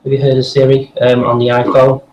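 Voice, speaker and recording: A man's voice: mid-range voice, completely flat delivery, fairly quick, darkish tone, reverberant, low-quality recording. A man, a voice actor and podcast guest, chatting enthusiastically and rambling with many fillers. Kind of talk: casual interview chat.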